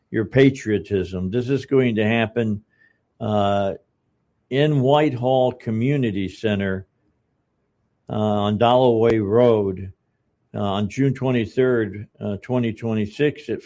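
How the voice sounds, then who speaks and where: Older man hosting talk radio, halting. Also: lowish voice, warm tone. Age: 70s. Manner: rambling, halting, many uh's and restarts, chuckles often. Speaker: radio talk show host. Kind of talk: casual radio chat. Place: radio studio.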